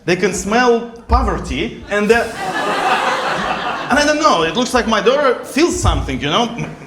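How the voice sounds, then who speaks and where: A middle-aged man from Russia with a Russian accent, performing stand-up comedy in broken English with deadpan delivery. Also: high voice, heavy background noise. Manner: deadpan jokes in broken English, pausing for laughs. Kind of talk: stand-up set. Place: comedy club stage in Berlin. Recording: echoey club with loud audience.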